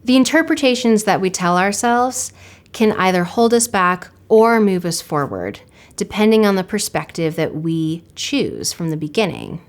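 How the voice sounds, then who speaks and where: A woman teaching an online climbing course, explaining mental blocks in a calm, reflective and encouraging way. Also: mid-range voice, moderate pace. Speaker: climbing coach. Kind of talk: instructional course narration.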